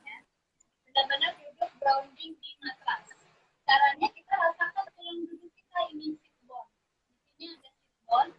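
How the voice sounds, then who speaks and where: A woman's voice: high-pitched, fairly even intonation, normal speed, pauses often, fairly bright tone. A woman yoga teacher patiently explaining step by step, her audio breaking up on a choppy live connection. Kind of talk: explaining on a live video chat. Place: seated on a yoga mat. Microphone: phone on a live video stream. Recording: dull lo-fi live stream audio.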